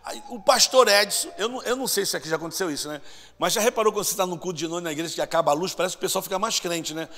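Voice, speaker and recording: A man preaching a lively storytelling sermon, acting out voices and shouting at times. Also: sits high, very fast, a little hiss or hum. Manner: animated, acts out voices and shouts. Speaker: pastor. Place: church sanctuary. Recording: long church hall reverb.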